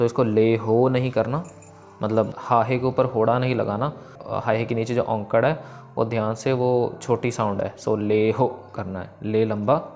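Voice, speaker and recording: A man leads a recitation lesson, drawing out each sacred line slowly before breaking into brisk explanations of how every syllable should sound. His voice sits at an ordinary middle pitch, and faint background music plays softly beneath him. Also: muffled recording. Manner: chants verses slowly, then explains pronunciation quickly. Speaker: teacher of scripture recitation. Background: soft background music.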